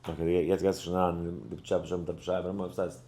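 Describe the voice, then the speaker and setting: A lower-pitched man leads a Torah lesson, stumbling through restarts and then jumping high as he plays the voices in his tale. English words slip into his speech now and then. The recording has a noticeable roomy echo. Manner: animated, acts out dialogue in the story with sudden high pitch jumps; halting, many restarts and repeated words. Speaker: rabbi teaching a Torah class.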